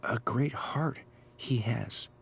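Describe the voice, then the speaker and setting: An actor playing a creepy, philosophical school groundskeeper in a video game, speaking in a slow, measured, cryptic drawl. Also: male voice, medium pitch, gravelly, breathy edge, heavily acted. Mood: solemn, probing.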